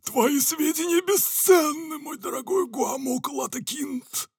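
Audiobook villain: a squealing, bossy would-be conqueror, dry close read. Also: male voice, extremely high pitch, normal speed, a bit bright, dry recording, pitched above the performer's own voice. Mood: bellowing, commanding. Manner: pompous, bellowing commands. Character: shouting power-hungry male villain ruler. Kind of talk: audiobook character voice.

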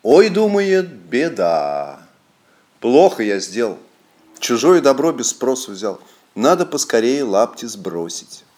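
Мужчина озвучивает молодого крестьянина, который то кричит в испуге, то стыдливо бормочет себе под нос. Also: male voice, sits high, takes it slowly, hardly any pauses, warm tone, voice pushed up. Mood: ashamed. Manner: rueful muttering to himself. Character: young peasant Ivan, scared then ashamed.

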